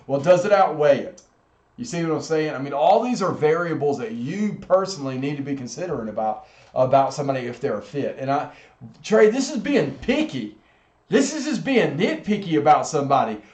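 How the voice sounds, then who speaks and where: A man gives a casual teaching talk to a church group. His delivery rambles, full of fillers and self-deprecating asides, at a middling pitch. The recording carries a noticeable room echo. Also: darkish tone. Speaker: pastor. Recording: echoey room.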